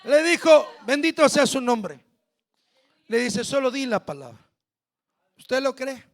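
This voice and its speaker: Mexican pastor guy preaching, really high raspy voice, yells the big lines at the church. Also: animated, unhurried, some chatter behind. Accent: Mexican Spanish. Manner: preaching with shouted climaxes and direct address to the congregation. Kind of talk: sermon.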